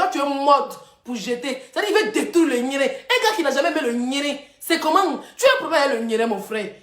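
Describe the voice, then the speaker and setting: High-voiced taunting woman on a livestream. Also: roomy sound. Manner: taunting, chanting insults, laughing. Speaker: live-stream host. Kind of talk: mocking live-stream rant. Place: room, phone on live stream. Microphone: phone.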